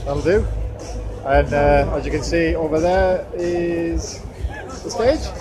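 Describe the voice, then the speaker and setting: A man's voice: a little high, fairly even intonation, takes it slowly, crowd noise. A man chatting casually and cheekily to viewers as he films a road-trip vlog outdoors. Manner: chatty, cheeky and sweary, addresses viewers directly. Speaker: vlogger. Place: outdoors, roadside, airport and stadium. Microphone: handheld camera. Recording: loud outdoor noise with traffic and jets.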